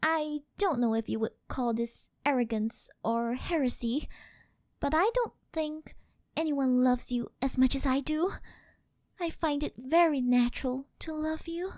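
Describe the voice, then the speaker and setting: In a scripted ASMR roleplay, a woman plays an adoring living doll maid, possessive and worshipful, speaking an intimate monologue to the listener in a formal, fawning, melodramatic way. Her voice is high yet darkish in tone and a little slow, recorded clean in a studio with no room sound.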